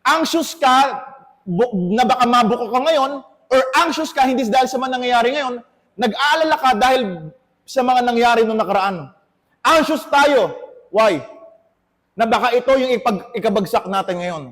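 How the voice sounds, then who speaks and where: A man's voice: extremely high pitch, normal speed, fairly bright tone. A Filipino man preaching a sermon to his congregation, switching between Tagalog and English. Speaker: pastor. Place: church hall. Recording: long hall reverb.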